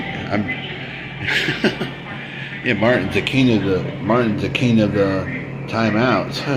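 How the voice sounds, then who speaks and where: This man's voice sits on the low side, and the recording is very noisy. He's doing a late-night live stream, casually chatting with viewers while his voice gives out, wandering, repeating things and frequently chuckling. His throat is dry as he loses his voice.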